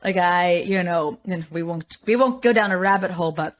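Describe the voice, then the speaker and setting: A woman's voice: lowish voice, normal speed. A woman hosting a podcast, chatting candidly and laughing often while sharing anecdotes. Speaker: podcast host. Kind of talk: conversational podcast interview.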